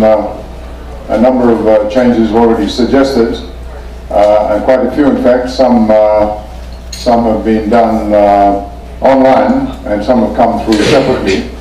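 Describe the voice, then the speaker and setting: A man runs a formal meeting in a polite, measured voice, pausing often as he speaks. His tone is mellow. He sounds set back from the mic in an echoey conference room with a faint hum of ambience. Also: lowish voice, steady tone, recorded from a distance. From Fiji. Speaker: meeting chair.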